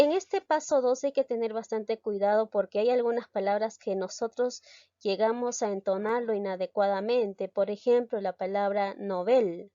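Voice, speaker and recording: A woman's voice: medium pitch, dark tone, dry recording, lo-fi sound. A woman teaching a grammar lesson, explaining step by step and stressing key syllables.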